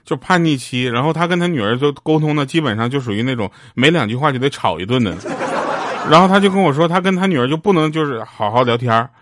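A man's voice: mid-range voice, expressive, fast, a bit bright. A man telling a string of short funny anecdotes in a chatty way, often laughing at his own punchlines. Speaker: comedic storyteller. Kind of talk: comedic storytelling monologue.

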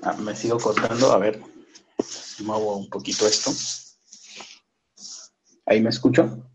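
A man's voice: on the low side, steady tone, unhurried, noisy background. A man with a Mexican accent hosting a casual online show, his call audio cutting out while he thinks aloud with many fillers. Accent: Mexican Spanish. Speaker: host.

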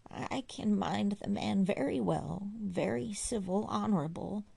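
A woman's voice: medium pitch, a little slow, vocal fry, dark tone, breathy edge, voice pushed up, exaggerated voice. Woman doing a hollow-voiced crusty old aunt. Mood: scornful. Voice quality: hollow, half-whispered. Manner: rustic dialect, grumbling. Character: crusty bedridden old aunt, blunt and scornful.

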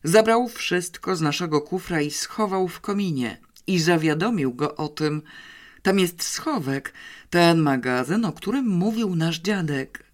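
An audiobook narrator voicing a quick-witted, confident schoolgirl who talks eagerly. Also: mid-range voice, animated, close to an everyday voice. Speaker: child character in an audiobook. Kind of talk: audiobook character reading.

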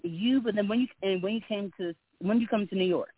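A man's voice: sits high, fast, slightly rough, dry recording. Man host on a tinny line. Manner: rambling, many restarts and fillers. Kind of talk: casual interview chat.

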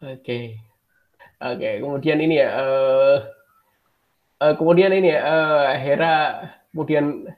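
A man's voice: a little high, fairly even intonation, slow, long pauses, phone-quality sound. A man chatting casually about a comic, hesitant with many fillers, laughing often. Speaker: podcast co-host discussing a manga chapter. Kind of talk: casual chat.

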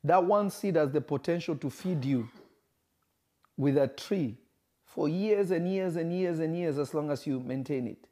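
Preaching in a livestreamed sermon, a man from Kenya speaks in a slightly high, mellow voice. He delivers his message emphatically, repeats phrases, slows for stress, and calls out viewers by name in greeting.

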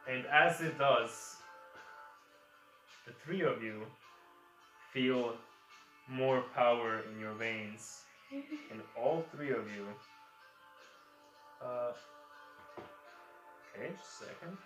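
A man's voice: medium pitch, slow, long pauses, a bit bright. A man narrating as game master of a tabletop game, in a loose, hesitant manner full of fillers. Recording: echoey room, distant mic, faint music.

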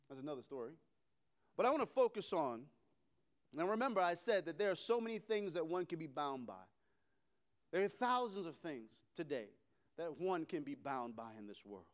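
Male preacher, high and animated pitch, dramatic loud-to-hushed swings, repetitive rhetorical cadence. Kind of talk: sermon.

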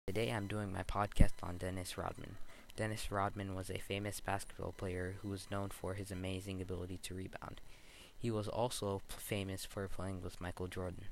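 A male student reading a short scripted report, recorded inside a small closet in a flat, careful way. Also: sits low, a little hiss or hum, poor audio. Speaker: student reading a podcast segment.

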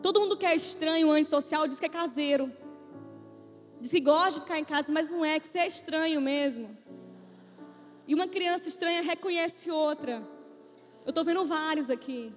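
A woman with a very high-pitched voice delivers a humorous testimony sermon in a large, reverberant hall, faint music beneath her. Like a witty preacher before her congregation, she tells her story playfully and acts out every voice she quotes, speaking at a moderate pace with frequent pauses.

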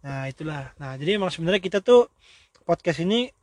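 Male podcast co-host, high-pitched, dry sound, playful slang. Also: lively intonation, darkish tone, no room sound. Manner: slangy, joking, quick back-and-forth. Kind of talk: casual chat.

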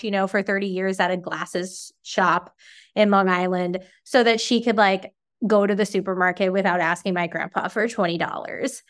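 A woman's voice: medium pitch, clear, resonant tone. A woman hosting a podcast, chatty and curious, asking questions in a casual style with lots of "like"s. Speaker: podcast host.

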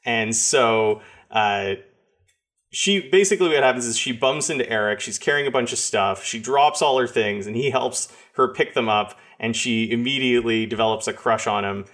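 Relaxed man recapping a tabletop game. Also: medium pitch, normal speed. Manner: relaxed, many fillers. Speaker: game master. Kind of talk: casual session recap.

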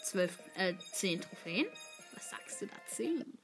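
A woman hosting a gaming channel, chatting casually over gameplay and breaking into loud exclamations. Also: mid-range voice, unhurried, faint music behind. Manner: excitable, frequent loud exclamations.

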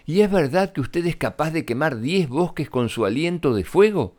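A man voicing a brave, determined young princess in a children's storybook reading, with an excited, cunning manner. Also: fairly high pitch, normal speed, pitched above the performer's own voice, lightly acted.

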